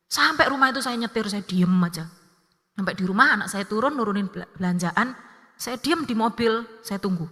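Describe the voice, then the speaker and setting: A woman preaches a sermon full of personal stories. Her voice is bright and ringing, and she slips into lively acted-out dialogue. A long church-hall reverb trails every phrase. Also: medium pitch. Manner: lively, acts out family dialogue in her story. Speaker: evangelist preacher.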